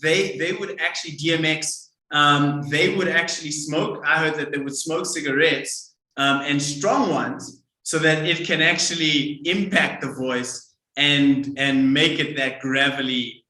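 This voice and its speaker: A man hosting a podcast interview, talking in a rambling, halting way with many fillers. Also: a little high, fairly even intonation, sharp tone. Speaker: podcast host. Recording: roomy echo.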